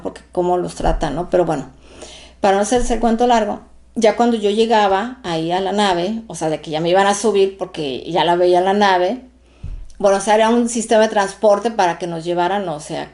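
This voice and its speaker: Animated woman host telling a story. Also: mid-range voice. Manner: animated, emphatic, tags phrases with "¿no?"; repeats words when excited. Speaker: host of her own online show. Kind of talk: personal storytelling to viewers.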